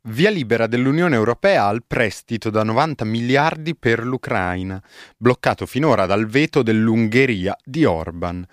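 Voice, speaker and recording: A man's voice: medium pitch, expressive, normal speed, no echo, clean studio sound. A man presenting radio news, reading scripted items and introducing reports.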